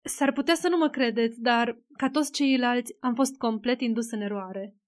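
Female narrator as tired male politician; measured, soft-spoken, audiobook. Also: fairly high pitch, close to an everyday voice. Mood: grave. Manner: quiet, measured. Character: weary calm male politician.

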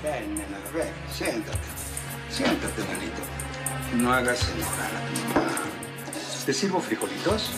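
An actor playing a menacing grandfather who speaks in a soft, coaxing, hushed way. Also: medium pitch, big pitch swings, a little slow, loud music behind the voice.

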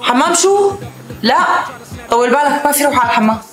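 A woman playing a sharp-tongued young woman on a dinner date, scolding quickly and insistently. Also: sits high, lively intonation. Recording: roomy room with music behind.

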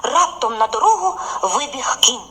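Expressive woman reading a children's tale. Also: sits high, moderate pace, rough recording. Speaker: storyteller. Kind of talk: children's story narration.

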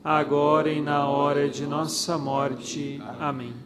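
A man with a Brazilian Portuguese accent leading a recited rosary prayer in a steady chant. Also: a little high, slow, a crowd in the background. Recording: long reverb with background music.

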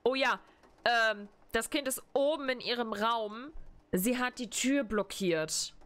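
Excitable woman streamer translating game dialogue. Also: on the high side, takes it slowly, background noise. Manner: excitable, blunt, swears casually. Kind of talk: live gameplay commentary, translating dialogue.

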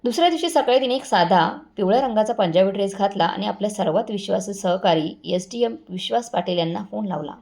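Woman reading out a dramatic story, does everyone's lines in about the same voice, pitch right in the middle. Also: animated, fast, vocal fry, hardly any pauses, a little mellow. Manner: addresses listeners as friends, reads all characters' lines in near-natural voice. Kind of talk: scripted story narration.

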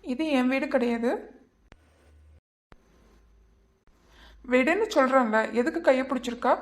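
A woman's voice: high-pitched, fast talker, lightly acted. A woman voicing a young husband in a cartoon who scolds firmly and then teases. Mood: irritated. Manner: firm, scolding, then teasing. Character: young husband, stern and easily irritated. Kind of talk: cartoon voice acting.

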